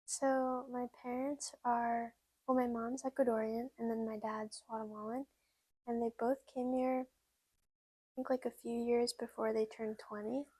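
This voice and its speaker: A young woman interviewed for a documentary, speaking in a measured way. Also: on the high side, level tone, mellow, no echo. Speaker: student interviewee.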